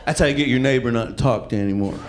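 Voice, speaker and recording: Performing stand-up before a live audience, a middle-aged man talks very fast in a mid-range voice, spinning profane, conversational stories and playing out snippets of dialogue and reactions. Crowd noise fills the noisy comedy club recording.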